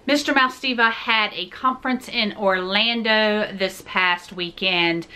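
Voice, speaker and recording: A woman in her forties chats through a shopping haul on her own channel. Her voice sits at a middling pitch with a bright, crisp edge. She jokes and speaks straight to her viewers in a relaxed, talkative way. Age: 40s. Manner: chatty, jokey, talks straight to viewers. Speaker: vlog host. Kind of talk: casual shopping haul chat.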